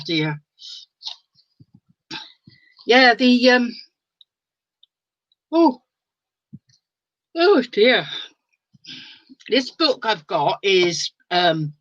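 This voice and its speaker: Slow, chatty older woman. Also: mid-range voice, sharp tone, dry recording, highs cut off. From England. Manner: chatty, laughs often, reads viewer comments aloud. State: sleepy, yawning. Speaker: live-stream host reading to viewers. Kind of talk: casual live-stream chat. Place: at home.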